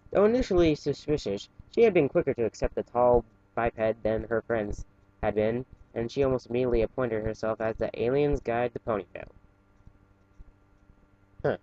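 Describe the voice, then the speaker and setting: Reading fan fiction in a casual, halting way, a man keeps tripping over words, fixing them and tossing in chatty remarks. He sounds animated and warm at a medium pitch, with no room sound but dull audio.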